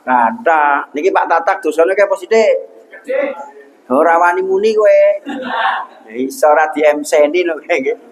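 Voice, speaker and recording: Young male preacher, Javanese accent, high voice, jokey call-and-response sermon in a mosque. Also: moderate pace, long pauses, low-quality recording. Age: young adult. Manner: jokey, asks the congregation questions and answers them. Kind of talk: humorous village sermon.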